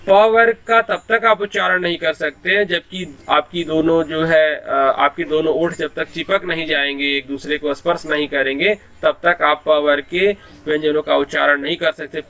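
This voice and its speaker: A man's voice: a little high, fairly even intonation, moderate pace, hardly any pauses, pushed and bright. A man teaching Hindi in an online class, explaining patiently and sounding out letters one by one, with a habit of repeating a filler phrase.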